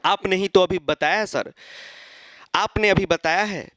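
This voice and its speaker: A man's voice: high-pitched, a little slow, fairly bright tone, dry recording. A man doing a pleading schoolboy student. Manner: pleading, protesting.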